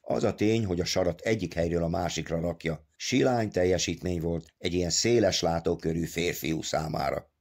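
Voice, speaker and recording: A man narrating an audiobook in a measured storytelling manner. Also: low voice, darkish tone. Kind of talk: scripted narration.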